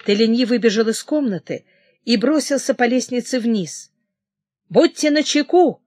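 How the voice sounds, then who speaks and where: Woman reading a historical novel aloud, steady, dry mic. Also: fairly high pitch, moderate pace, no echo. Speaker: audiobook narrator. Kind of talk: scripted narration.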